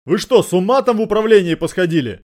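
A man's voice: high-pitched, very animated, fast, voice pushed up. A man voicing a shaken, bloodied male police sergeant who reports in an agitated way. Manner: agitated, pleading.

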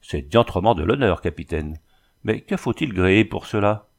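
A man voicing a rough, hard-drinking sailor henchman from an old adventure storybook. He answers his captain with coarse, blustering eagerness in a lowish voice. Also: animated, moderate pace. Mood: eager. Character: rough, boozy male sailor, loyal henchman.

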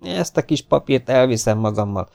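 A man voicing a mysterious masked male avenger in an audiobook, calm, mocking and self-assured. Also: mid-range voice, creaky, voice pushed up. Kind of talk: audiobook character voice.

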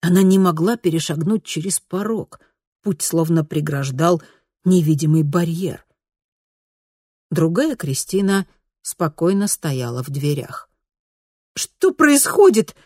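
A woman narrating an audiobook in a steady, expressive storytelling manner. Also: low-pitched, a little slow, husky, no echo, clean studio sound. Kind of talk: scripted narration.

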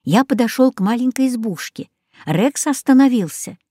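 Woman audiobook reader, unhurried and expressive, fairly high, dry booth sound. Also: no room sound. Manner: slow, clear, expressive. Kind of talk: storybook reading.

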